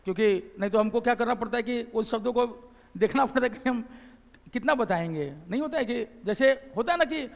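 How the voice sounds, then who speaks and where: A man's voice: very high-pitched, brisk, creaky, long reverb tail. A man from Bihar with a Bihari Hindi accent, teaching a classroom lecture. He explains step by step, repeats phrases and keeps asking his class questions.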